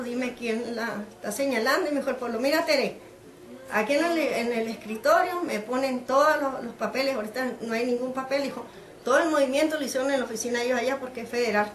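A middle-aged woman from Mexico, telling an interviewer what happened to her daughter and acting out the dialogue as she goes. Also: high-pitched. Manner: animated storytelling, acting out quoted dialogue. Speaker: interviewee, mother of the detained woman. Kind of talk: emotional personal account. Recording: echoey room.

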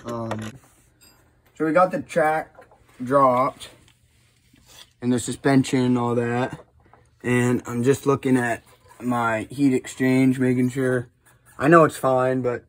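A man's voice: medium pitch, steady tone, measured pace, pauses often. Casual young man in a garage. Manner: rambling, offhand, with many fillers. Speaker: snowmobile DIY vlogger. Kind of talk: casual how-to narration while working. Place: indoor garage workshop.

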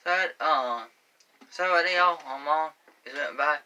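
A man's voice: a little high, takes it slowly, pushed and bright, a little hiss or hum, low-quality recording. A young man from Georgia with a Southern accent, singing his own song on acoustic guitar in a small bedroom, talking in a loose, rambling way. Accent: Southern American. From Georgia, USA. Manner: rambling, loose folksy delivery. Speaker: amateur singer-songwriter.

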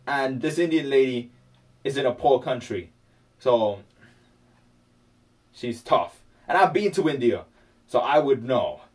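A man chats loosely while he paints, rambling on and talking to himself. His voice sits at an everyday middle pitch. He sounds distant, picked up far from the microphone. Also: animated, measured pace, long pauses. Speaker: vlogger. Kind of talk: casual chat while painting.

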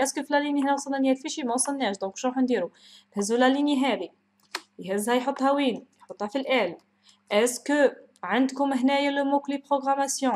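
Brisk Algerian woman lecturing on code. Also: high voice, darkish tone. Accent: Algerian Arabic. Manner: mixes French terms into dialect, asks and answers her own questions. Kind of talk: programming lecture.

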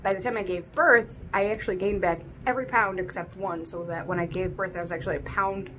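An American woman in her twenties telling a personal story to camera in a halting, throat-clearing way, emotional as if she has been crying. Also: on the low side, fairly even intonation, noisy background. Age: 20s. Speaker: vlogger. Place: small room at home, indoors.

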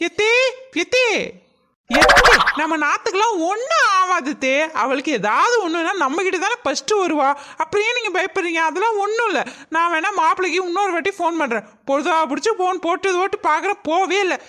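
A woman's voice: very high voice, lively intonation, fast talker, sharp tone, exaggerated voice. A woman voicing a young daughter-in-law who fusses, soothes and frets in a cartoon. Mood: soothing. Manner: soothing, then fretful. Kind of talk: cartoon voice acting.

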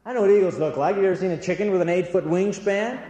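A man's voice: high-pitched, fast, warm tone, roomy sound, big-room sound, a little hiss or hum, close to an everyday voice. A man voicing an insistent naturalist. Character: insistent male naturalist explaining an eagle.

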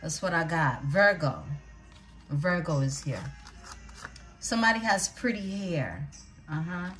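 Slow, low-voiced woman reading tarot. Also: expressive, fairly bright tone, soft background music. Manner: slow, unhurried, talks to viewers as beautiful ones. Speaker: tarot reader.

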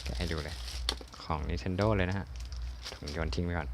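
A man's voice: deep voice, steady tone, moderate pace, a little hiss or hum. A young man casually talking through an unboxing, chatty and thinking aloud, often repeating words as he goes. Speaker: unboxing vlogger.

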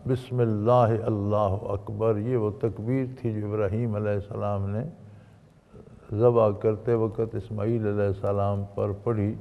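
A man in his eighties from Pakistan, a Sufi sheikh giving a sermon, reciting Quranic verses and swinging between loud emphasis and quiet narration. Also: lowish voice. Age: 80s. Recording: long reverb, hall.

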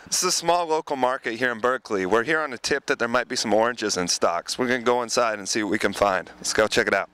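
A man in his thirties hosts a mock news report outdoors on a city street, holding a handheld mic, with loud street noise behind him. He speaks fast in a mid-range voice with few pauses.

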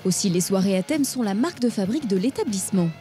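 A woman reading a scripted narration in a smooth, polished voice-over manner and asking interview questions. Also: medium pitch, lively intonation, fast, mellow, faint music behind.

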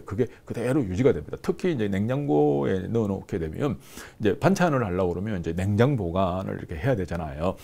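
Gravelly Korean man lecturing to camera. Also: low voice, dark tone. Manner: explanatory, repetitive fillers, gestures with hands. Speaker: business course instructor. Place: small indoor studio with screen backdrop. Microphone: lapel mic.

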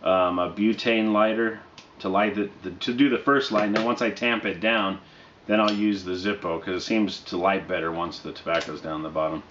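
A man in his thirties giving a casual, low-key product review to camera, speaking in a halting, unhurried way. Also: fairly even intonation, fairly bright tone. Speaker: pipe tobacco reviewer. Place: small dim living room, indoors. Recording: dull, roomy sound with faint noise.

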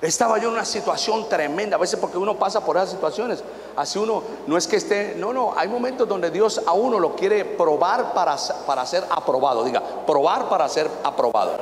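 Preacher, man, folksy and theatrical, fairly high voice, booming church reverb. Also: lively intonation, moderate pace, slight background noise. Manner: folksy storytelling, acts out anecdotes, rising to shouted exhortation. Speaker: apostle preaching to pastors. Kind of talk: conference sermon. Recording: echoey hall reverb, faint ambience.

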